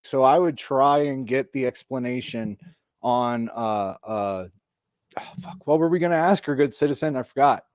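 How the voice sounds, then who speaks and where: A man's voice: medium pitch, normal speed, darkish tone, no room sound. A man hosting a casual call-in chat, swearing freely and laughing often while he feels the cold. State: cold and trying not to shiver. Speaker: podcast host making calls.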